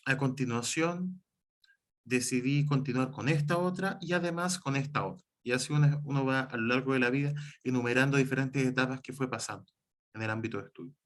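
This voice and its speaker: A man teaching an online class, explaining with many examples and correcting himself as he goes. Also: mid-range voice.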